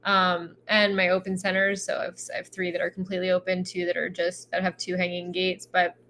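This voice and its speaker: A woman's voice: on the low side, monotone, fairly quick, a bit bright, a little hiss or hum. A woman co-hosting a podcast, musing reflectively in a casual chat with lots of filler words. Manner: reflective, filler-heavy, thoughtful. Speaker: podcast co-host.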